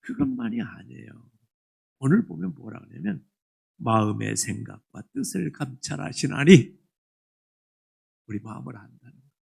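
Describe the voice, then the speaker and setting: A man in his sixties, a pastor preaching a sermon, moving from quiet asides to loud, emphatic exhortation. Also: mid-range voice, very animated, moderate pace, vocal fry, long pauses, breathy edge. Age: 60s.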